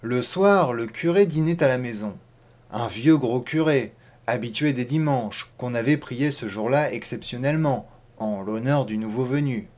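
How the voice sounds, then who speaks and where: Brief: male narrator, measured and expressive, literary audiobook reading. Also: medium pitch. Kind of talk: audiobook reading of a short story.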